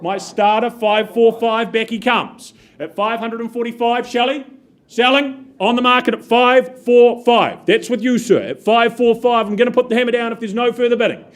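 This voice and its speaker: A New man working as an auctioneer, calling bids in brisk, upbeat patter, his voice a little muffled by a face mask. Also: extremely high pitch. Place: auction room.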